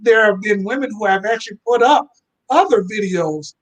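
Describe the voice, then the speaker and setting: A man speaks his mind as a panel guest, blunt and emphatic. His voice sits fairly high for a man. The sound comes through a video call. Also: lively intonation, moderate pace. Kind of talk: casual talk on a live video call.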